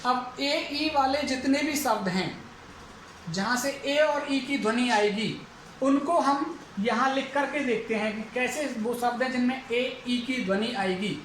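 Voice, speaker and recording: A male English lecturer giving a phonetics lesson for exam students, who repeats each example word slowly several times. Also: very high-pitched, a bit bright. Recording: echoey room, faint background noise.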